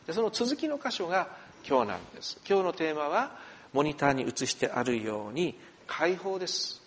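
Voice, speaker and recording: A man, the senior pastor, leading prayer and preaching a sermon in a church hall, telling stories with animated asides. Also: a little high, normal speed. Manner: expressive storyteller, animated asides.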